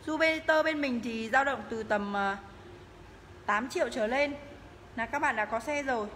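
A woman giving a live, promotional sales pitch as she walks through shop rooms, repeatedly urging viewers to get in touch. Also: moderate pace, a bit bright. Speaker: motorbike shop livestream seller. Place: tiled indoor motorbike showroom rooms and stairwell. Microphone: handheld phone, held by the walking speaker. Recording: noisy phone audio in echoing hard-walled rooms.

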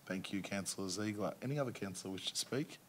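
A low-pitched Australian man runs a council meeting as mayor, moving briskly through procedure and calling on speakers. A faint hum of room ambience sits behind him. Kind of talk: formal meeting chairing. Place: council chamber.

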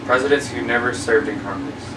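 Young man, pinched-nose casual talk, bright tone, echoey room with faint noise. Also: medium pitch, a little fast. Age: young adult. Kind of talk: casual chat in a challenge game. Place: small curtained room indoors. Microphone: camera a few feet away. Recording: roomy, distant camera mic, faint hum.

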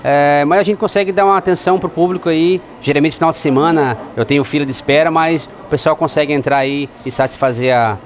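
A restaurant manager in his thirties answers interview questions plainly in a restaurant dining room, his voice a little high, fast and with few pauses. He explains things simply, often adding "né" tags, into a handheld mic held by the host.

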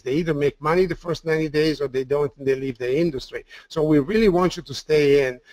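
With a fairly high pitch and a dry recording, this Italian-accented man delivers a sales webinar full of enthusiasm. He repeats words often and uses plenty of fillers.

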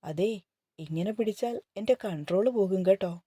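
A woman's voice: mid-range voice, normal speed, dark tone, dry recording, lightly acted. A woman reading the lines of a protective young husband in a romantic novel, firm and reassuring. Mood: coaxing.

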